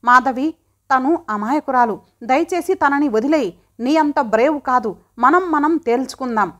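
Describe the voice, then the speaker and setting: A woman's voice: high-pitched, normal speed, close to an everyday voice. A woman voicing a defensive, angry husband in an audiobook drama reading. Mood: pleading.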